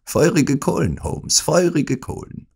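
A man voicing a sneering villain who loudly taunts and mocks a bedridden rival. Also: fairly high pitch, sing-song, measured pace, gravelly, husky, pitched above the performer's own voice, full character voice. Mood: gloating. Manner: loud, taunting, mocking. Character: sneering, mocking male villain gloating at a rival. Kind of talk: audiobook acting.

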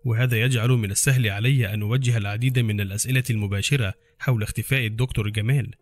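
A man voicing a calm, defiant young female intelligence officer in an audiobook, speaking in a hushed, level way. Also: mid-range voice, pitched below the performer's own voice, close to an everyday voice.

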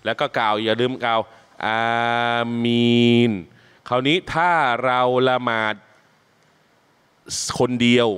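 A man who leads prayer as an imam, teaching new Muslims step by step in a mosque class, speaking patiently and chanting the Arabic recitations slowly for learners to follow. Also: mid-range voice, fairly bright tone, clean tone. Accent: Thai. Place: mosque training session.

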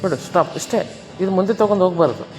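A man's voice: high voice, expressive, quick pace. A male fitness trainer, coaching a woman through a workout with firm, repeated commands and tips. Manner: firm, repetitive gym commands mixed with explanation. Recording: roomy reverb with music behind.

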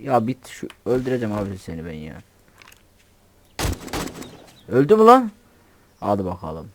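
A man narrates his game in a bouncy, lively voice that swings up and down in pitch. He jokes, swears in fun and talks to himself as he plays. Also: fairly quick, slight background noise. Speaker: gamer. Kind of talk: casual gameplay commentary.

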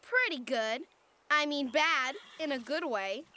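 A woman's voice: high voice, measured pace, sharp tone. A woman voicing a catty, conniving teenage sidekick in a cartoon, talking in a sly, snide, teasing way. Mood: scheming. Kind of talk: animated series voice acting.

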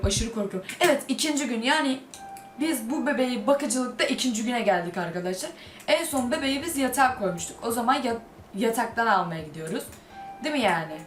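Casting: high-voiced woman gamer, casual commentary, yelps when scared, game music loud behind. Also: echoey room. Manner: jumpy, exclaims and shrieks when scared. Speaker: gaming YouTuber. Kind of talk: casual let's-play commentary.

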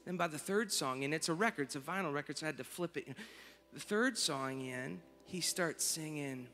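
A man telling a story as a sermon, moving from soft, reflective speech to fervent exclamations. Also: fairly high pitch, expressive, normal speed. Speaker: worship leader. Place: large church auditorium. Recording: reverberant church hall with music.

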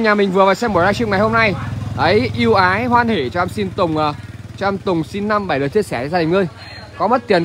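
Male used car salesman, northern Vietnamese accent, high voice, chatty livestream pitch with repeated tags, light outdoor noise. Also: a bit bright. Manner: used car salesman patter, repetitive filler tags, chatty appeals to viewers. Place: large covered open-air car lot at night. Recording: noisy outdoor car lot ambience.

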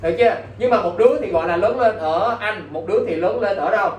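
A male English teacher gives an exam-prep lesson, constantly quizzing students and repeatedly asking "got it?". He speaks fast in a high-pitched voice. The recording is muffled and roomy, with a distant mic and faint background noise.

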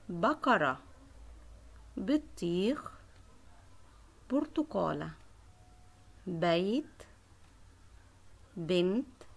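A woman teacher leading a children's Arabic letter lesson, sounding out syllables clearly and praising her pupils. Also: fairly low pitch. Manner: slow, clearly drawn-out syllables.

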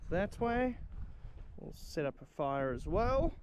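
A man's voice: high-pitched, sing-song, takes it slowly, noisy background. A young man giving easygoing, upbeat running commentary as a travel vlogger at an outdoor bush campsite, recorded on an action camera. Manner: easygoing, upbeat, lots of "cool". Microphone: action camera on bike or helmet.

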